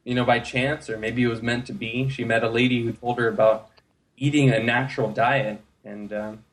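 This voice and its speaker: A man in his thirties from the United States, a guest telling his own story in a casual interview, relaxed, with many fillers. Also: mid-range voice, moderate pace.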